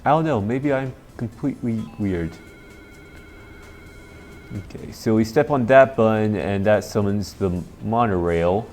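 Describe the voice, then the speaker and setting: A man with a somewhat dopey-sounding voice gives casual, halting playthrough commentary, rambling and repeating himself. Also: on the low side, darkish tone. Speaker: gameplay commentator. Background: video game music.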